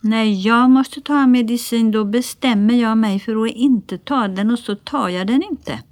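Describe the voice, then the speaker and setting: A woman's voice: fairly high pitch, darkish tone, no room sound, pitched above the performer's own voice, lightly acted. A woman reading a storybook aloud, voicing a stubborn little girl with a smug, defiant way of talking.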